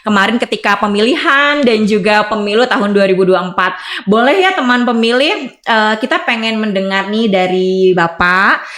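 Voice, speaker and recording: A woman's voice: mid-range voice, expressive, moderate pace, a bit bright. A woman in her thirties hosting a podcast, chatty and upbeat, often coaxing her guest with tag questions. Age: 30s. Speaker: podcast host. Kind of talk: casual podcast conversation.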